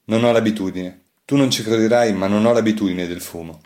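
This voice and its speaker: A man's voice: lowish voice, fairly quick, a little mellow, close to an everyday voice. A man voicing a doomed young soldier held prisoner, giving terse and bitter replies in an audiobook.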